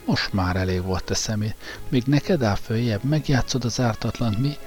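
A man's voice: mid-range voice, expressive, darkish tone, soft background music, lightly acted. A man voicing a brutal, mocking male guard who taunts and threatens coarsely in an audiobook reading.

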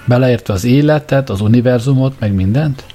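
Brief: male reader playing an excitable, anxious programmer, pushy and loud. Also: mid-range voice, soft background music, close to an everyday voice. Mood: agitated. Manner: agitated, raised and urgent.

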